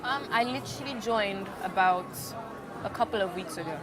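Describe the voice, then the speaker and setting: A woman's voice: mid-range voice, lively intonation, moderate pace, over loud music, a loud crowd. A young woman from Nigeria, a student, answering interview questions in a hesitant way, full of fillers and restarts. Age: young adult.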